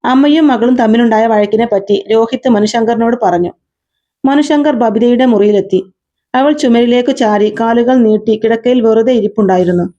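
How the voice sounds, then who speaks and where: Mellow-voiced woman narrating a serial story. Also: on the high side. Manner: steady, measured reading. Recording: slightly dull lo-fi recording.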